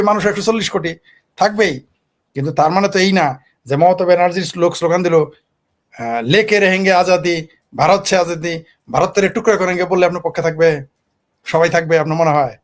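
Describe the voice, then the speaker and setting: A man from Bangladesh with a Bangladeshi Bengali accent, giving heated political commentary on a talk show and firing off rhetorical questions. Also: high-pitched. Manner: combative, fires rhetorical questions.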